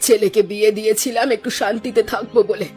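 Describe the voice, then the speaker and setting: A woman's voice: medium pitch, fairly even intonation, fast talker, darkish tone, soft background music, natural voice. A woman voicing an elderly village mother-in-law in a cartoon, scolding and suspicious, with a weary, resigned edge. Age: older. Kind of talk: cartoon dubbing.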